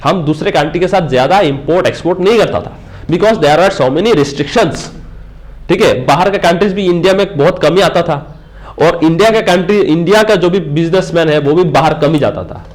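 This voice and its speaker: A man's voice: a little high, normal speed. A middle-aged man teaching a classroom lecture, talking straight to his students and checking again and again that they follow. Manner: explains with many "ठीक है?" checks, addresses students directly. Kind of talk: classroom lecture mixing Hindi and English.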